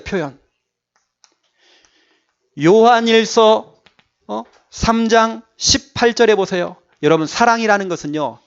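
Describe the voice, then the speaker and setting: A male pastor preaching a sermon, emphatic and repeating his key words to urge the congregation on. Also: sits high. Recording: dull lo-fi church recording.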